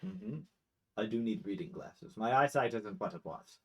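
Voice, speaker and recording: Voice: mid-range voice, big pitch swings, normal speed, breathy edge. A game master voicing a formal, eager male blink dog shaped like a borzoi, who speaks in a polite, old-fashioned way. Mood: curious. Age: older.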